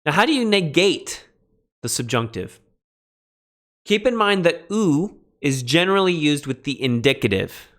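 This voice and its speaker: Animated man lecturing on Greek grammar. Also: a little high. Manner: animated, emphatic teacher with quick asides. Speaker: Greek instructor. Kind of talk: recorded classroom lecture.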